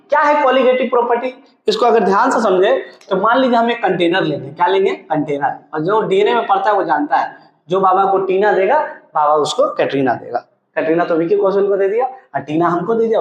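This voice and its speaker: Animated male chemistry teacher, higher voice. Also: rough recording. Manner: animated, asks questions and answers them himself. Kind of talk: classroom lecture.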